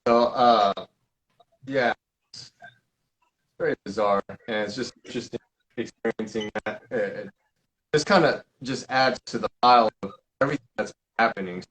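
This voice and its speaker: A man hosting a live question-and-answer stream, talking loosely in a rambling, halting way with many fillers and restarts. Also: mid-range voice, a bit bright, low-quality recording. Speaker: paranormal investigator hosting a live Q&A. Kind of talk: casual live-stream chat.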